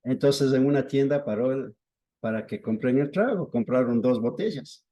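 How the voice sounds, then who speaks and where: Preaching to a small gathering, this man unfolds his stories at a slow, deliberate pace, with lively swings in pitch.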